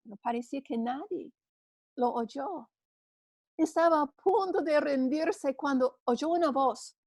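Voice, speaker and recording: Woman, church class teacher, earnest storytelling, unhurried, high. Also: darkish tone, no echo, studio quality. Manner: earnest, storytelling, with small restarts.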